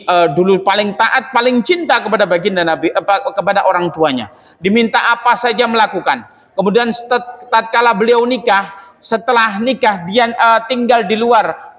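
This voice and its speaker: High-voiced male preacher in a reverberant hall. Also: a bit bright. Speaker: Islamic preacher. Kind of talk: storytelling sermon.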